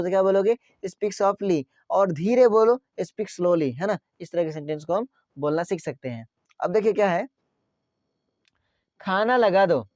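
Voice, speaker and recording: A man with a high voice teaches English phrases, asking his viewers questions and repeating every answer. The sound is dry and a little dull, as on a basic lo-fi recording. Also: a little mellow, dry recording. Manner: asks the class questions and repeats each phrase; often adds "है ना?" to check the viewers follow. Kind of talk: spoken English lesson.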